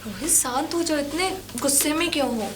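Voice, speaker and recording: A woman's voice: high voice, lively intonation, a little fast, background noise. A woman playing a young married woman who pleads with and defends herself to a former lover. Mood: coaxing. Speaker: actor. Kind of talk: low-budget crime drama acting.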